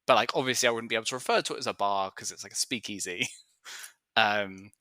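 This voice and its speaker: A man's voice: on the low side, fast, bright, forceful tone, no room sound. A man, a player in a tabletop game, talking in a hesitant casual way with many fillers. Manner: hesitant, lots of fillers, laughing asides.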